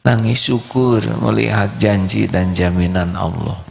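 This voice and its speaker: A male preacher delivers a slow storytelling sermon in a low, gravelly voice. His words ring with a long reverb in a large hall.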